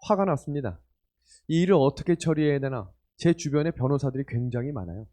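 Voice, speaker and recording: A pastor in his forties preaches a sermon in what sounds like a church hall or retreat meeting room. His medium-pitched, mellow voice moves quickly with lively intonation as he shares a personal story and earnestly poses questions to his listeners.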